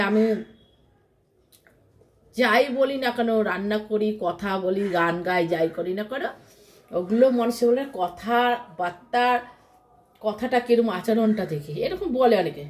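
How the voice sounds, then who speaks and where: A woman's voice: a little high, big pitch swings, a little slow, pauses often. A woman vlogger chatting casually to her followers from home, rambling and repeating herself, often mimicking how other people talk.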